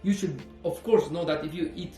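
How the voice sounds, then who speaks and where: A man's voice: a little high, moderate pace, warm tone, soft background music. Man, twenties, earnest fitness vlog, echoey room. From Norway. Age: 20s. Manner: earnest, repeats himself, frequent "you know". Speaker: personal trainer.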